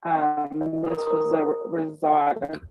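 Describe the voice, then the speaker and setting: A woman's voice: low-pitched, completely flat delivery, takes it slowly, loud music behind the voice. A woman speaking hesitantly in a remote meeting, her audio breaking up and cutting out on a bad call connection. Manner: hesitant, many fillers. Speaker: advocate on a subcommittee. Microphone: video call. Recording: tinny phone-like call line.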